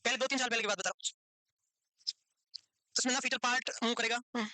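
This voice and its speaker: High-voiced, fast-talking teasing male teacher. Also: steady tone, bright, forceful tone, no room sound. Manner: teasing, chatty storyteller. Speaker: nursing teacher. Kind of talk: classroom lecture with joking asides.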